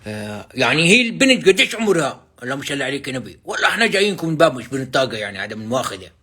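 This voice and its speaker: A man's voice: mid-range voice, big pitch swings, very fast, pushed and bright, breathy edge. A man with a Levantine Arabic accent on a casual prank call, stammering evasively and repeating himself.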